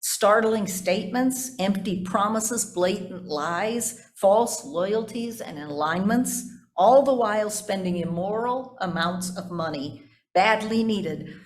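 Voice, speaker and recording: A woman pastor with a medium-pitched voice preaches a sermon in measured, deliberate phrases. She uses repetition and makes conversational asides to the congregation.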